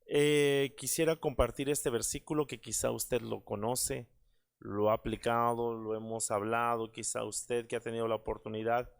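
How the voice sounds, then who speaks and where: A man's voice: mid-range voice, flat delivery, normal speed, gravelly, clear, resonant tone. A man, a pastor, preaching a prayer-service sermon in an earnest manner with many fillers and repeated calls to his listeners.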